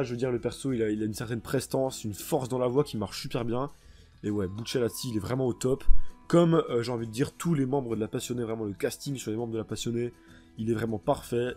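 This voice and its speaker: A man's voice: medium pitch, mellow. A man casually reviewing a dubbed anime, enthusiastic and rambling, with lots of fillers and restarts.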